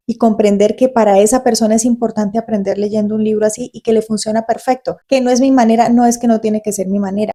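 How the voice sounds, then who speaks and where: A Colombian woman in her forties who talks quickly and conversationally to the camera as a Spanish tutor hosting her own channel. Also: on the high side, mellow. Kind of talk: casual talk to camera.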